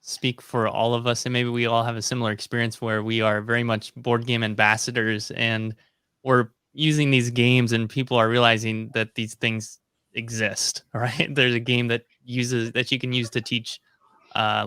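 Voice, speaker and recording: Male host on a video call, bright clear voice, dry sound, easygoing and rambling. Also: mid-range voice, little pitch movement, moderate pace, dry recording. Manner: rambling, many ums and restarts. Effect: video call audio. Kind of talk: casual live-stream chat.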